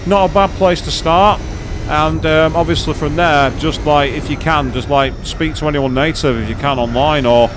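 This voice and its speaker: A man's voice: on the high side, steady tone, moderate pace, noisy background. A man chatting casually on a live gaming stream, rambling with many fillers and restarts as he explains things to viewers.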